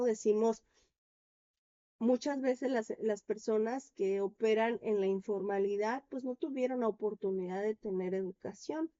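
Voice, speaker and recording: A woman lecturing a class over a video call, with a mellow, darkish tone. She explains patiently and often stops to check in with her students. The audio sounds dull and lo-fi. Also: medium pitch. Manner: explanatory, frequent "¿no?" tag questions and "eh" fillers. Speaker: university lecturer. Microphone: computer or headset mic on a video call.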